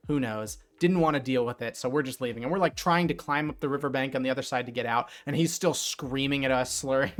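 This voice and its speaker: A man casually retelling a night fishing trip in a chatty, animated way, with lots of fillers. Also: medium pitch. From New Jersey. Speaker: streamer. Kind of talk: casual storytelling.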